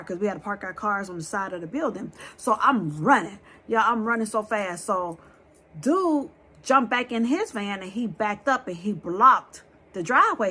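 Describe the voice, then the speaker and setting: Here a husky, mid-range female voice tells her audience a true scary tale head-on, energetic and frank, cursing without hesitation.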